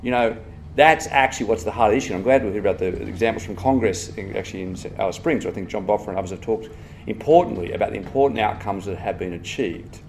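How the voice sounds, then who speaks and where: A man with an Australian accent speaks at a conference, talking fast with emphatic stress. His voice sits on the low side, and he keeps cutting into his own sentences with asides. Faint ambient noise runs underneath. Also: vocal fry. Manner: brisk, digressive, emphatic with asides. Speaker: conference speaker on health policy. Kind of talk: live conference talk.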